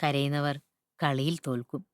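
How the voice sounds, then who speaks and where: A woman voicing a gentle, sad-eyed slow loris in a spoken storybook, asking in a soft questioning tone. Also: sits low, steady tone, dry recording, lightly acted.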